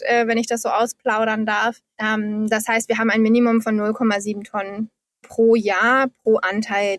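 A woman in her thirties speaks as an interview guest, with a voice sitting a bit high. She walks through figures in a steady, orderly way, and her enthusiasm shows through. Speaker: guest, founder of a forest project. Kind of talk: interview answers.

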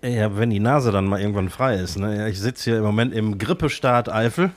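A low-voiced man co-hosts a podcast from a cold tent studio, stuffy-nosed from a cold. He speaks briskly yet hesitantly in casual chat, full of filler sounds.

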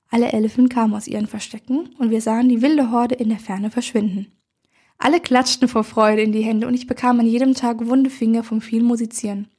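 Husky-voiced woman telling a story. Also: on the high side, mellow. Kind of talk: scripted first-person story narration.

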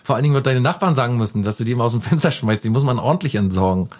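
Deadpan man teasing crudely. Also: medium pitch, very fast. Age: 40s. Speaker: podcast host. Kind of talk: casual comedy chat.

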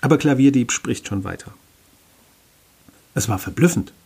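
Wry, husky male storyteller. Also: medium pitch, expressive, moderate pace, darkish tone. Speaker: narrator. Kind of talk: first-person story narration.

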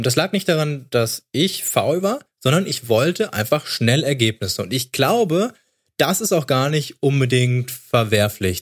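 Thirty-year-old man, chatty guest. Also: mid-range voice. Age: 30s. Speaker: podcast guest. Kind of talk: casual interview talk.

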